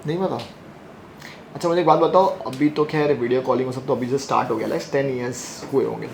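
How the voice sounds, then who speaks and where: Speaking fast at medium pitch with fairly even intonation and a creaky voice, a man lectures on physics. He repeatedly questions his students, echoes their answers, and teases them between points, with slight background noise.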